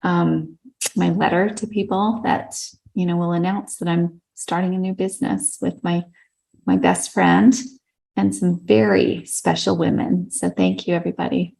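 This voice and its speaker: Gravelly grateful woman on a call. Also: lowish voice, steady tone, moderate pace, warm tone, rough recording. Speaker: business co-founder. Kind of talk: video call wrap-up.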